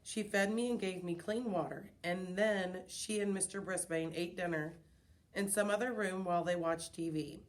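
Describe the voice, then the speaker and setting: Woman reading a children's chapter book aloud, expressive storytelling, fairly low voice. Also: moderate pace. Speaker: reader.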